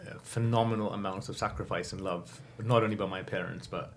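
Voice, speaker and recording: Man, 50s, lowish voice, reflective interview talk, light background noise. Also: steady tone, a little fast. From England. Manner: thoughtful, many fillers, self-correcting. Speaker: guest.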